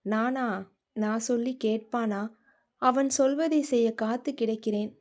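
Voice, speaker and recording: A woman's voice: fairly high pitch, fairly even intonation, unhurried, a little mellow, natural voice. A woman voicing a shy, wistful young wife in an audiobook romance. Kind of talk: audiobook character reading.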